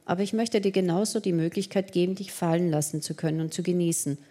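A woman's voice: on the low side, fairly even intonation, fast talker, dark tone, close to an everyday voice. A woman reading the lines of an earnest young man who pleads and persuades in an audiobook romance. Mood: persuasive.

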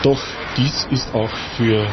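A man's voice: medium pitch, fairly even intonation, takes it slowly. A man presenting a radio programme from a script. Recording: dull sound with loud vehicle noise.

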